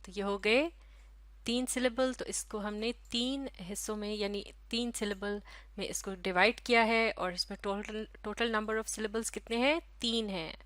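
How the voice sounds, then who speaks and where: A woman teacher with a Pakistani Urdu accent, giving a recorded lesson to children, stretching out syllables slowly and asking questions that she answers herself. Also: medium pitch, steady tone, a bit bright, no echo. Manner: slow, careful, drawn-out syllables for children. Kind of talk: recorded classroom lecture.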